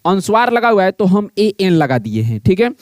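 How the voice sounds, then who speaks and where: High-voiced teacher drilling answers. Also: male voice, sing-song, a little fast, a little mellow, dry recording, studio quality. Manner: repetitive question-and-answer teaching. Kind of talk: blackboard lesson.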